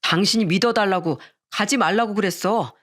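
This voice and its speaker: A woman voicing a worried young husband in a radio story reading, asking slow, concerned questions. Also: mid-range voice, a bit bright, close to an everyday voice.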